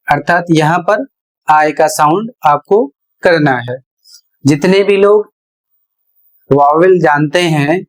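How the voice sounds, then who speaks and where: A teacher explaining English pronunciation rules one step at a time, in a measured, repetitive way. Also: medium pitch. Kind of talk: slow explanatory lesson narration.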